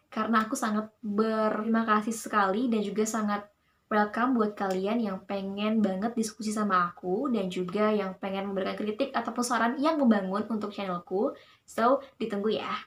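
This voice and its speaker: A woman's voice: mid-range voice, a bit bright. A cheerful young woman hosting a casual tutorial on speaking technique, explaining in an upbeat voice. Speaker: voice-over coach and channel host.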